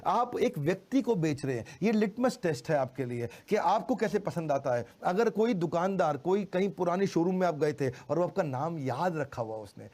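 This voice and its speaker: A middle-aged man giving a motivational sales lecture, animated, slowly repeating key phrases for emphasis. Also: a little high. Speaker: sales trainer.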